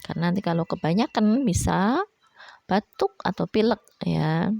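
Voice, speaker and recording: A woman's voice: lowish voice, animated, normal speed, creaky, darkish tone, no echo. A woman primary school teacher, patiently explaining a lesson to children and ending her phrases with a friendly "ya". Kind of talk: online class lesson.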